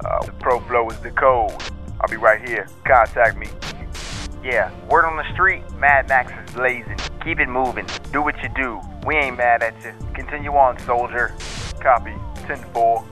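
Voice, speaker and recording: A man's voice: mid-range voice, normal speed, pushed and bright, soft background music. A man talking over a walkie-talkie in radio call-sign chatter, as a drop for a radio show.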